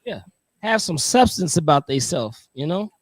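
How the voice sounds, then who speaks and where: A man's voice: fairly high pitch, sing-song, moderate pace, no room sound. A middle-aged man and military veteran, a podcast guest speaking casually and enthusiastically, often repeating phrases for emphasis. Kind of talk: casual chat.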